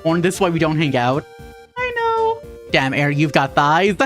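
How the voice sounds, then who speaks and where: A woman's voice: low-pitched, brisk, soft background music. A woman from Minnesota with a Minnesotan accent, chatting irreverently with her chat while sewing on a livestream. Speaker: VTuber streamer. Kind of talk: casual craft livestream chat.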